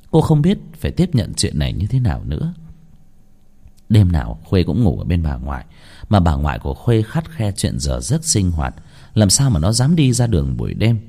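A man reading a ghost story aloud in a slow, dramatic, expressive narration. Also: deep voice.

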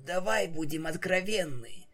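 A man voicing a weak, feverish young female pegasus pony, with a hoarse, fading voice. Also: sits high, a little slow, fairly bright tone, voice pushed up.

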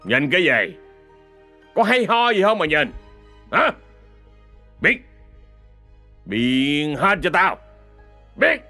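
A man's voice: fairly high pitch, big pitch swings, takes it slowly, pauses often, pushed and bright, soft background music, voice pushed up, full character voice. A man voicing a drunk, violent older village man who barks curses, in a Southern Vietnamese accent. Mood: snarling. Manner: snarling, barking curses.

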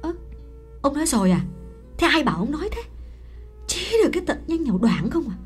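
A man voicing a sharp-tongued, scolding middle-aged mother with shrill, nagging rebukes. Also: sing-song, fairly quick, faint music behind.

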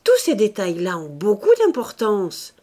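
A woman's voice: mid-range voice, wildly swooping pitch, unhurried, mellow. A woman voicing an irritable, suspicious middle-aged husband who nags and accuses in an audiobook reading. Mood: suspicious, prying. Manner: heated, nagging, accusing.

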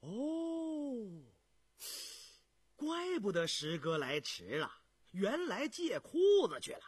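A man voicing a cheerful, quick-witted young male prince who teases with glee. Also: high voice, huge pitch swings, fairly bright tone, husky, no echo, voice pushed up, full character voice. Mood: teasing.

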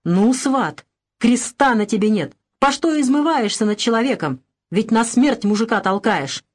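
A woman voicing a fiery, blunt old peasant man who shouts his mind, in a storybook reading. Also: a little high, lively intonation, normal speed, pitched above the performer's own voice. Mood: angry.

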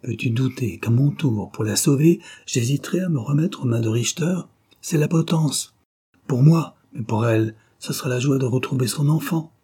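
A man's voice: mid-range voice, normal speed, dark tone, slightly rough, pitched above the performer's own voice, natural voice. A man reading the part of a desperate father, urgent and impassioned as he bargains for his child, in an audiobook.

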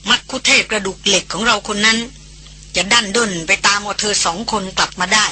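A reader doing a jovial expedition leader. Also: male voice, high-pitched, steady tone, brisk, pushed and bright, slight background noise. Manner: good-humored, chatty.

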